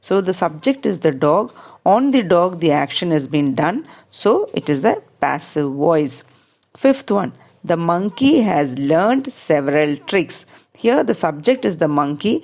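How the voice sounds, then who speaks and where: A woman teacher with a Malayali English accent walks pupils through grammar exercises. Her voice sits a little low, and she speaks slowly and patiently, reading each example sentence aloud before explaining it. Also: big pitch swings, a little mellow.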